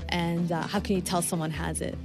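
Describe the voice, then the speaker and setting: A young Somali woman who works as an HIV outreach coordinator speaks thoughtfully, with frequent fillers, in a documentary interview and voice-over with music underneath. Her voice is lowish, a little fast, with little pitch movement.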